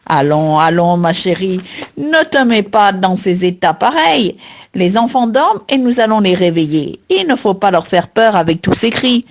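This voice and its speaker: A woman voicing a patient husband in a read-aloud textbook dialogue, calm and conciliatory. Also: mid-range voice, normal speed, natural voice. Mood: soothing. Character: patient, placating middle-aged husband.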